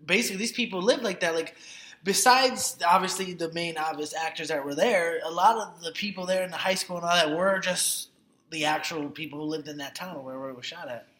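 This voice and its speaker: A man co-hosting a casual film podcast, rambling and excitable, drifting off on tangents. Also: on the high side, a little fast. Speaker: podcast co-host.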